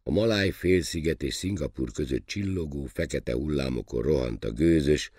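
Very deep, gravelly older male narrator. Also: no echo, studio quality. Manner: lively, theatrical. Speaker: audiobook narrator. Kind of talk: audiobook reading.

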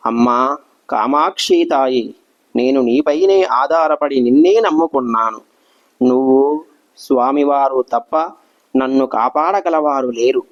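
A man's voice: mid-range voice, a little slow, pauses often, close to an everyday voice. A man voicing an anxious, devout old grandmother who pleads emotionally, in a dull lo-fi recording. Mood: tearful pleading.

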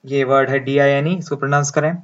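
A man's voice: medium pitch, little pitch movement, fast talker, lo-fi sound. Patient man teaching pronunciation. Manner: patient step-by-step explaining, asks listener to repeat. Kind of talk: phonetics lesson with transcription drills.

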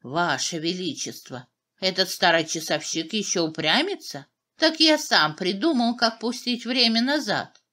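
A scheming, crafty royal advisor who coaxes and giggles, voiced by a woman reading a children's storybook. His bright voice slides up and down as he wheedles. He sounds sneaky and self-serving. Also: mid-range voice, animated, measured pace. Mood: eager. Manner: wheedling, giggling, hoarse when angry. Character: sly scheming male royal advisor, adult.

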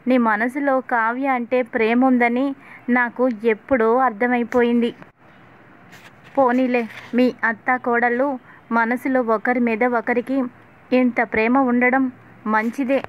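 A woman's voice: a little high, little pitch movement, takes it slowly, pauses often, dull audio. A woman reading a kindly old grandmother. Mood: gentle. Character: elderly grandmother, kindly and wise.

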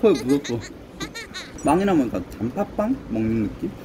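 A man vlogging outdoors by the sea with his mouth full of ice cream, giving relaxed, chatty remarks about the taste. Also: a little high, normal speed, noisy background. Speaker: travel vlogger. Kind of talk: casual food commentary. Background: background music.

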